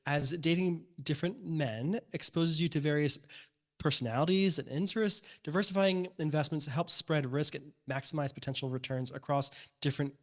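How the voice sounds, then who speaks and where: A man's voice: a little high, normal speed. A middle-aged man co-hosting a podcast, chatting casually, joking and laughing at his own quips. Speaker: podcast co-host. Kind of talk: casual chat.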